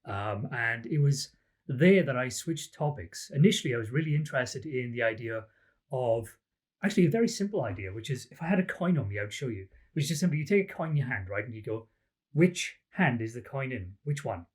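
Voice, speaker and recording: A Welsh man appears as a podcast guest, an academic who researches lie detection. His voice is medium-pitched, husky and expressive, moving a little quickly. He answers the interview in a relaxed, chatty, self-deprecating way, with plenty of ums.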